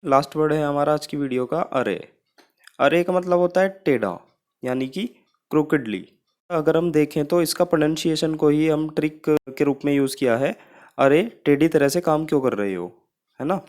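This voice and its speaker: A man teaches vocabulary in a steady, explanatory way. His voice sits a little above the usual pitch for a man. He goes over each memory trick more than once so it sticks. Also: normal speed. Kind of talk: vocabulary lesson.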